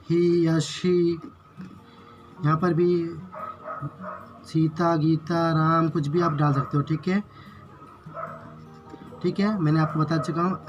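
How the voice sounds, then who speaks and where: Speaking in Hindi, a man teaches basic English grammar, going through each example slowly and saying "ठीक है" after every one. His voice is on the high side.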